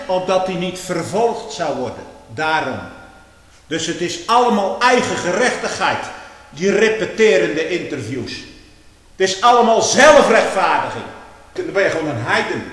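An older man preaching a fiery sermon, swinging from hushed storytelling to loud, slow denunciation. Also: fairly high pitch. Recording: echoey hall with long reverb.

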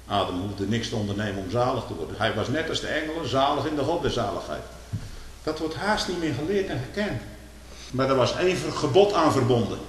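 A man preaching a sermon, swinging from hushed, low passages to loud, drawn-out declaiming and pleading questions. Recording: echoey hall with faint hiss.

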